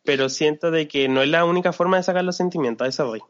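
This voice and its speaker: A man's voice: on the high side, quick pace. A young man with a Chilean accent, chatting casually in a hesitant, reflective way. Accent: Chilean Spanish. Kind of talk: casual chat. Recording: dull lo-fi audio.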